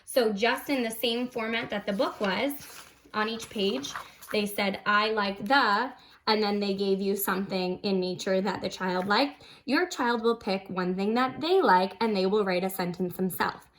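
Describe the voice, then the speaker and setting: A woman with a mid-pitched voice speaks as a reading teacher giving an instructional demonstration. She explains each step patiently, using simple example phrases suited to kindergarten learners. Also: moderate pace, a little hiss or hum, low-quality recording.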